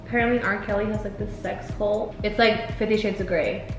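A woman's voice: medium pitch, steady tone, brisk. Young woman chatting over makeup, sweary n playful, roomy echo, music behind. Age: young adult. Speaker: makeup vlogger. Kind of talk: casual chat during makeup. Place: small indoor room with bare wall. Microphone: camera a few feet away. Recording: echoey room, music underneath.

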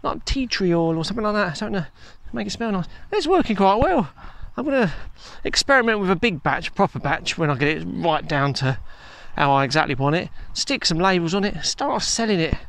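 A man's voice: high-pitched, animated, fairly quick, vocal fry, few pauses, a bit bright. A man chatting in a rambling, self-mocking way while he walks outdoors and films himself on a handheld phone. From England. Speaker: vlogger. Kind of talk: casual walking vlog chat. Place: outdoors on a countryside walk. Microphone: handheld phone camera.

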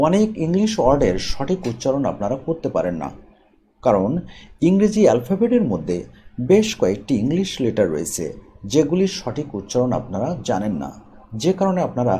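Male tutor, mellow tone, animated pitch, methodical delivery of rules and word lists. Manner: slow, deliberate, stresses key terms, reads out example words one by one. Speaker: English teacher. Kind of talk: instructional explanation.

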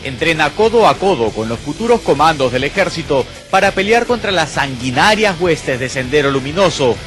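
A man's voice: a little high, expressive, normal speed, fairly bright tone. A man with a Peruvian accent delivering dramatic scripted narration for a TV news report. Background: music.

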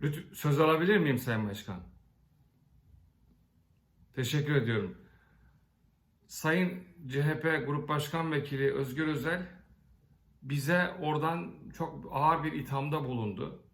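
Guy making a sarcastic speech in parliament, kinda high voice, big echoey hall sound, tells folksy stories. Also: measured pace, long pauses, a bit bright. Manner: sarcastic, folksy storytelling with rhetorical questions. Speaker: member of parliament giving a speech. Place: large parliament chamber.

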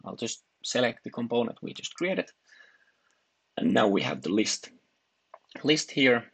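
A man narrating a screen-recorded software tutorial, talking haltingly with frequent restarts and fillers as he clicks through. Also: mid-range voice, big pitch swings, slightly rough.

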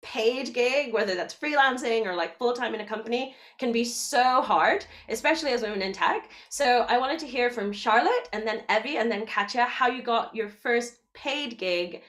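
A woman's voice: fairly high pitch, moderate pace, hardly any pauses, fairly bright tone. Young woman, panel moderator, video call, upbeat, chatty. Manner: upbeat, chatty, laughs often. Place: home room, indoors.

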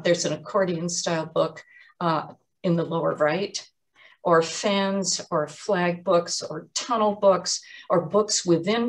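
A woman giving an explanatory museum talk on artist's books, measured and often pausing with um and uh. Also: lowish voice. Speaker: art lecturer.

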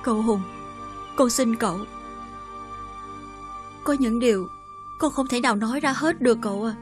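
A woman's voice: fairly high pitch, moderate pace, music in the background, close to an everyday voice. An actress with a Southern Vietnamese accent playing a troubled young wife who pleads politely with her mother and uncle. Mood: pleading.

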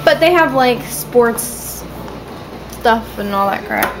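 A woman's voice: on the high side, expressive, moderate pace, over music, low-quality recording. A woman vlogging from home in a casual, rambling way, with lots of ums and restarts. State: has the hiccups. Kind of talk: casual vlog chat. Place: at home, indoors.

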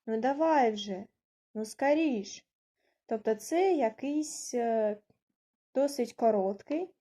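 A woman's voice: a little high, mellow. A woman teaching an online language lesson, patiently spelling out words letter by letter.

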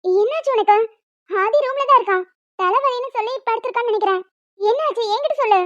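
A woman voicing a caring, calm young woman about to marry, who speaks softly and soothingly. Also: very high voice, fast talker, dry recording. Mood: concerned. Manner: soft, soothing, concerned. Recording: dull lo-fi audio with music.

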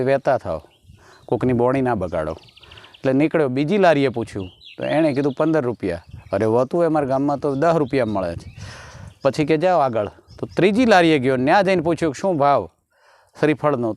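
A man's voice: medium pitch, a little mellow. Man telling rustic village jokes. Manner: telling jokes in a rustic village dialect, acting out every character. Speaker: stand-up comedian. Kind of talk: Gujarati folk comedy storytelling.

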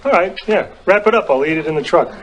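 A man's voice: high-pitched, expressive, lo-fi sound, exaggerated voice. A clueless American handyman. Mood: offhand. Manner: offhand, clueless, unhurried. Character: oblivious adult male handyman, easygoing. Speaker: actor in an American TV drama clip.

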